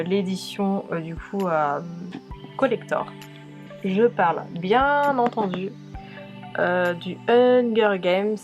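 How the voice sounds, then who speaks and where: Slow-talking French book vlogger woman. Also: mid-range voice, darkish tone. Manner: hesitant, many filler pauses. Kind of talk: casual book haul presentation.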